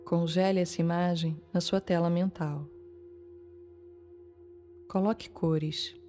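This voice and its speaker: A Brazilian woman leading a guided meditation in a calm, soothing manner, leaving long pauses between short phrases. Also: fairly low pitch. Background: soft music.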